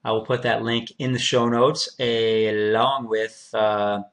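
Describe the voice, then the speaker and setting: A man's voice: on the low side, flat delivery, slow, fairly bright tone. A man hosting a casual trading show, walking through price charts in a laid-back, slangy way with loose fillers. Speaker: crypto trader host.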